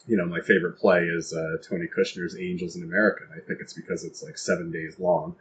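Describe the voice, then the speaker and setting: A man with a deep, slightly bright voice talks fast with big pitch swings and vocal fry. He's a playwright and author appearing as an interview guest, chatting casually in a rambling, self-deprecating way. The lo-fi recording sounds dull, with faint noise.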